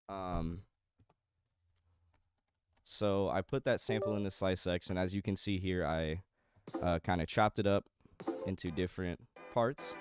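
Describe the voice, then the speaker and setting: In a casual studio walkthrough, a young male music producer talks in a low, darkish, smooth voice with no echo. His speech is congested and slightly nasal, full of fillers and restarts as he rambles.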